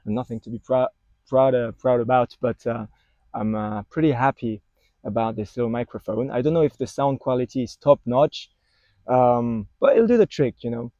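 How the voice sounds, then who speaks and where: Speaking to camera outdoors in a city park, this twenty-something vlogger from France has a French accent and stumbles through his casual talk, full of fillers and restarts. His voice sits mid-range with fairly even intonation, a dark tone and a moderate pace. Captured on a wireless lavalier into a phone, the sound is echo-free but muffled.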